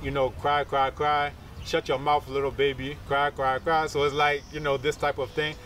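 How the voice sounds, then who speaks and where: A researcher and martial arts teacher in his thirties talks informally in an interview, explaining things in a teacherly way with asides. His medium-pitched voice is a bit bright, delivered flatly at normal speed and far from the mic. He is outdoors among trees and bushes, with insects and traffic audible.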